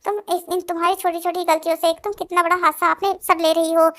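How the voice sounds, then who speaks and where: A man's voice: extremely high pitch, little pitch movement, fast talker, pushed and bright, heavily acted. A woman voicing a protective young doctor fiancé. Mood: worried.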